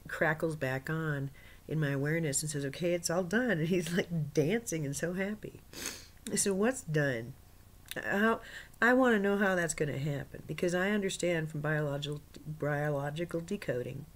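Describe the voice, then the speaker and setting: Low-voiced woman, halting and whispery. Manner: halting, restarts often, drops into soft whispers; laughs often, excitable in places. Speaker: spiritual author recounting a meditation. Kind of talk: unscripted personal recounting.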